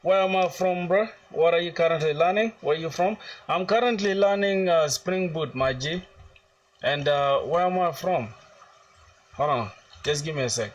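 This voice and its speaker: A man's voice: a little high, moderate pace, recorded from a distance, highs cut off. A young man from South Sudan live-streaming his coding, thinking aloud as he types and reading viewers' chat questions aloud in casual slang. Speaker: coding livestreamer.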